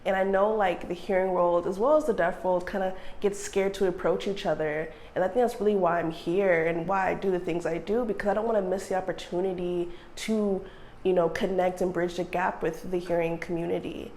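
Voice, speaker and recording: A woman's voice: lowish voice, fairly even intonation, fairly quick, darkish tone, slight background noise. Earnest woman interpreter speaking steadily. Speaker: sign language interpreter. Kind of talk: spoken interpretation in first person.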